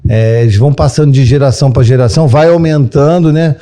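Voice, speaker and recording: A man's voice: mid-range voice, fast talker, warm tone. A Brazilian man with a Brazilian Portuguese accent, hosting a podcast interview in a casual, motivational way and dotting his talk with "né" and "entendeu". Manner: motivational, leans on "né" and "entendeu" fillers. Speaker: podcast host, therapist.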